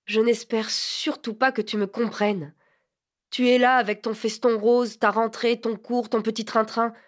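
A woman's voice: a little high, little pitch movement, unhurried, lightly acted. A woman reading an audiobook, voicing a brooding, impatient teenage boy in passionate, declamatory outbursts. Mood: impassioned, exasperated.

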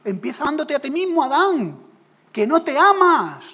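A man voicing a flattering male tempter in a sermon, coaxing and grand. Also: extremely high pitch, moderate pace, pitched above the performer's own voice, exaggerated voice. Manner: coaxing, grandiose preacher's acting.

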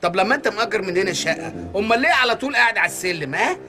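Comic radio serial lead: a broke, quick-tempered Egyptian husband, sarcastic, talking very fast and high. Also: male voice, expressive, pushed and bright, soft background music, exaggerated voice. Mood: mocking. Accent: Egyptian Arabic. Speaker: struggling husband and father.

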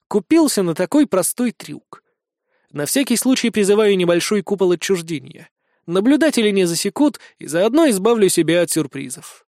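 High-voiced man with wry narration. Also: darkish tone, no room sound, studio quality. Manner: wry, sardonic asides. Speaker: audiobook narrator. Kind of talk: scripted first-person fantasy narration.

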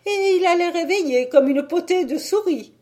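Woman reading as a high-voiced old maid, warm-hearted, playfully sharp. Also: animated, normal speed. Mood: chatty. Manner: bright, chatty, affectionate. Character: kindly old spinster seamstress, lively and teasing.

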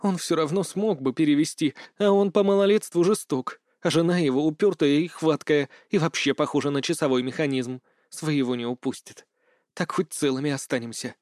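A man's voice: a little high, fairly quick, darkish tone, no room sound, clean studio sound, natural voice. A man reading aloud voices a weary, stubborn noble baroness who talks in a tired, pleading way.

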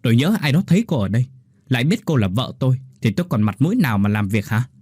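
A man's voice: mid-range voice, big pitch swings, a little fast, darkish tone, dry recording, studio quality. A man voicing an arrogant, angry husband who scolds his wife harshly and with contempt. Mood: contemptuous anger. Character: angry arrogant male sales director husband.

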